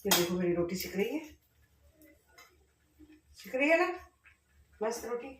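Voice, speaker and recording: A middle-aged woman cooking in her home kitchen, chatting directly to her viewers and speaking loudly on purpose. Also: medium pitch, very animated, a little slow, distant mic, slight background noise. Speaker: vlogger. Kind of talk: casual cooking vlog. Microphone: camera set up at a distance. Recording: echoey kitchen, voice off-mic.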